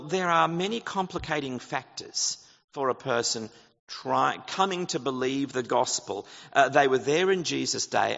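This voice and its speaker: A man's voice: fairly high pitch, creaky, fairly bright tone. A man preaching a sermon as pastor, earnest and explanatory, asking his congregation rhetorical questions. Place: church. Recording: church hall reverb, dull lo-fi sound.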